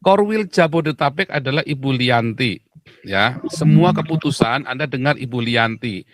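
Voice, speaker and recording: A medium-pitched man, expressive and at normal speed, hosts a live stream as a pastor. He jokes around in casual preaching chat, then emotionally confesses his past. No echo is heard.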